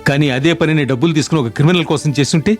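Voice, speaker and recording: Guy doing a fast angry cop, kinda high voice, film music behind. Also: lightly acted. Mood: bitter. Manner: shouts angrily, then speaks bitterly. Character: bitter suspended male police officer, proud and fierce. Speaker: police officer.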